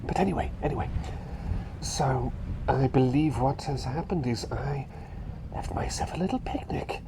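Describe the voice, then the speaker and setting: Here the man's voice is medium-pitched, natural and moderately paced as he continues the ASMR roleplay of a gentle, flustered doctor turned into a tiny talking bird. Musing and personal, he stays soft and breathy, slipping into whispers, faltering, wandering off and repeating himself, all caught by a close ASMR microphone that also picks up clear background noise.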